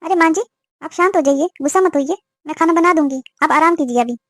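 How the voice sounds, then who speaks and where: A woman's voice: sits high, quick pace, fairly bright tone, no echo, studio quality. A woman voicing a young newlywed daughter-in-law who answers politely but firmly in a cartoon. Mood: soothing. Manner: pleading, polite but firm. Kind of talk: cartoon voice acting.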